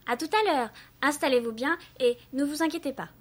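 A woman voicing a young girl who answers evasively and with striking calm. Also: high voice, fairly quick, natural voice. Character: young girl, defiant then coolly calm.

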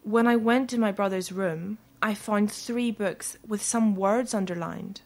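A woman voicing a young red-haired girl in an audio story, speaking English slowly and carefully. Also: mid-range voice. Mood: earnest. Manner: slow, carefully spoken English.

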